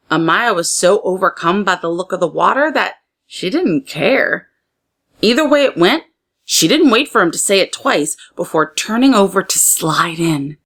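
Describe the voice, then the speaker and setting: For an audience of young listeners, a female read-aloud storyteller narrates a children's story with expressive, deliberate phrasing in a fairly low pitch.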